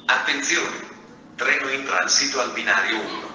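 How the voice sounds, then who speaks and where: A man's voice: medium pitch, moderate pace. Echoing male train station announcement. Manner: formal, segmented automated delivery. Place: outdoor railway platform, over public-address speakers. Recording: echoey outdoor loudspeaker from far off, loud noise. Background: loud station ambience and vehicle noise.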